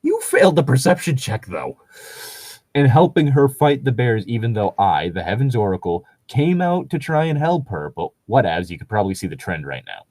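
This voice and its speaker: In a medium-pitched, slightly mellow, sing-song voice at a moderate pace, a man co-hosts a laid-back chat, reading tabletop gaming stories and discussing them. He rambles and jokes with a bit of swearing, and no room sound comes through.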